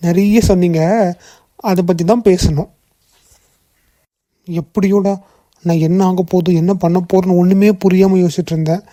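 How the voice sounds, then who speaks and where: A woman voicing a kind young male boss in a cartoon, gently coaxing and reassuring. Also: fairly low pitch, steady tone, moderate pace, pauses often, no room sound, studio quality, natural voice. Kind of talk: cartoon voice acting.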